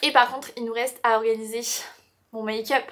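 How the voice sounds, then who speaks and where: A young woman from France vlogging in her apartment, chatty and expressive, talking to the camera while she works and grumbling at small setbacks. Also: fairly high pitch, moderate pace, background noise. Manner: chatty and expressive, mutters and swears while doing chores. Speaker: lifestyle vlogger. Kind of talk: casual vlog chat. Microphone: camera mic.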